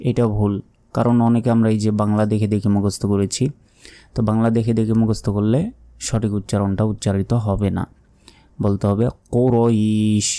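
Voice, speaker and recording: A man with a Bangladeshi Bengali accent teaching Quran pronunciation. He explains each sound briskly and then chants the words slowly, holding the vowels long. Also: on the low side, dark tone.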